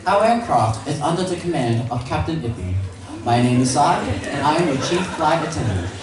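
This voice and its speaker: A man's voice: fairly high pitch, big pitch swings, normal speed, crowd noise. Man giving a mock cabin announcement in an echoey hall. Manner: formal, scripted announcement reading. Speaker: mock flight attendant at a student event. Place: large hall at a live event. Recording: echoey hall PA, far off, noisy.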